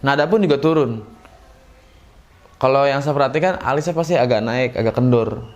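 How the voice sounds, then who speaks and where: A man gives a relaxed, chatty acting lesson and acts out short emotional examples as he goes. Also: medium pitch, normal speed. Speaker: acting teacher. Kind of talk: casual classroom-style lesson.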